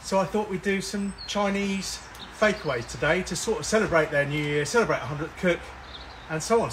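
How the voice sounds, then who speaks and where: A middle-aged man with a high, bright, forceful voice hosts a live barbecue stream in a cold garden, sniffling and coughing from a cold. He's chatty and jokey, rambling with ums, while someone else films him on a handheld phone amid outdoor ambience.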